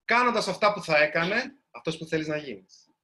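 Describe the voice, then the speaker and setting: A man's voice: on the high side, lively intonation, sharp tone. A man, a writer, giving a storytelling talk to a live audience and addressing them directly.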